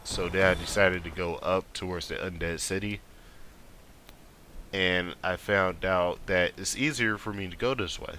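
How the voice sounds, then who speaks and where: A low-pitched man talks through video games in a casual, rambling way. He sounds a little sniffly from a cold, and his offhand commentary sits in a clearly noisy recording. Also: fairly even intonation, a little slow, sharp tone. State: sniffly with a mild cold, occasional coughing.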